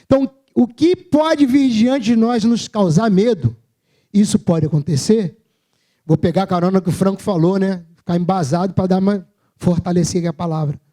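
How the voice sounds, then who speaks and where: A man's voice: high-pitched, moderate pace, dark tone. A Brazilian man preaching a sermon at a church service, telling personal stories in a humorous, self-mocking, conversational way.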